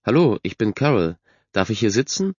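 A self-assured, kind-hearted sporty girl from a storybook, as a man reads her in a low, close voice. She speaks in a friendly, firm way. The recording sounds dull and dry. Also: sing-song, normal speed, a little mellow, husky, no echo. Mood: confident. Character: confident, kind sporty girl, team captain.

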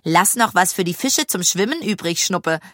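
A woman voicing a daring, cheeky young girl in a children's storybook, talking excitedly. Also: fairly low pitch, normal speed, no room sound, clean studio sound. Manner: excited, shrieking.

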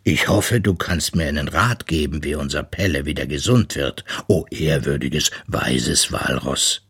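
A man voicing a worried, gruff father polar bear in a storybook reading, sighing and grumbling in a low voice. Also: a little slow, a bit bright, no echo, clean studio sound, heavily acted. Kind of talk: audiobook character voice.

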